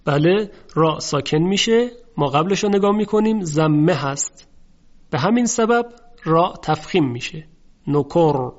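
A man gives a step-by-step lesson on reciting the Quran. He poses questions and answers them himself, slowing down whenever he recites a verse. His voice sits a little high, and the recording sounds dull and lo-fi. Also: animated. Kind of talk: tajweed lesson, explaining and reciting.

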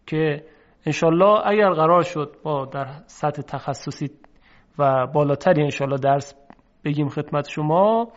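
A man teaches how letters are pronounced in Quran recitation, in a somewhat high voice. He slows right down to stretch out each example sound so learners can copy it. The recording sounds muffled and lo-fi. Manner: slow, drawn-out demonstration of sounds. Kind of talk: lesson on letter pronunciation.

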